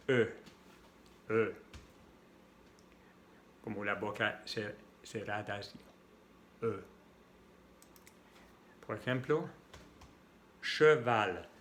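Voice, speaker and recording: A man's voice: medium pitch, a bit bright, reverberant, a little hiss or hum. A man with a French accent teaching French sounds in Spanish, spelling letters out and repeating each sound patiently. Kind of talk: slow language lesson.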